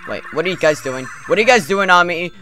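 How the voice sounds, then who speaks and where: A man's voice: high voice, lively intonation, quick pace, bright, forceful tone, a little hiss or hum. A young man joking and sarcastically commenting as he plays a game. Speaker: let's play commentator. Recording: game music behind.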